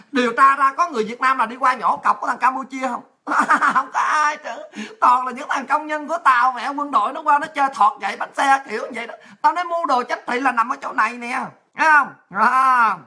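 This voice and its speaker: A woman's voice: sits high, sharp tone. A woman with a Southern Vietnamese accent giving a heated, crude and mocking political rant. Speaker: political commentator. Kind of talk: ranting political commentary.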